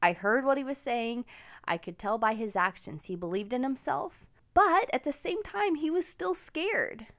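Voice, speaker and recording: A woman's voice: sits high, lively intonation, moderate pace, fairly bright tone. A woman in her forties, hosting a podcast and telling personal stories in an upbeat, encouraging way. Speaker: podcast host. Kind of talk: casual personal storytelling.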